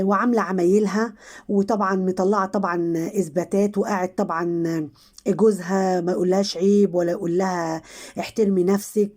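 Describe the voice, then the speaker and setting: A woman's voice: mid-range voice, mellow. A woman with an Egyptian Arabic accent, a vlogger scolding the people she talks about in casual commentary to her viewers. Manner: indignant, scolding, talking straight to the people she criticizes. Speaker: vlogger commenting on online drama.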